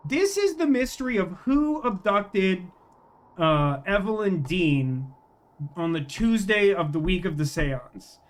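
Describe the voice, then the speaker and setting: This livestream host's high-pitched voice swings widely in pitch and moves slowly. He rambles as he thinks aloud while gaming, chatting casually with his viewers.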